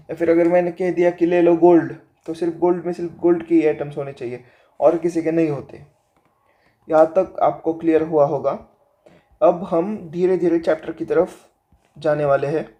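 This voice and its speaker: A male teacher with a sore throat giving a lesson in a slow, deliberate way, reading the textbook aloud and then explaining it while mixing Hindi and English. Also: a little high, mellow. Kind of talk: classroom lecture.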